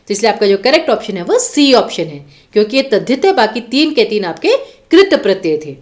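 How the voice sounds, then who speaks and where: A young adult woman teaching a Hindi exam-prep lecture, explaining step by step and repeating words slowly to show their spelling. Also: on the high side.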